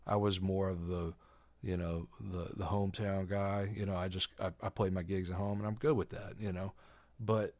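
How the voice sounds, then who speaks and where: A middle-aged man with a low voice gives a casual interview as a musician. He is reflective and colloquial, rambling from thought to thought. The sound is dry. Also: no room sound.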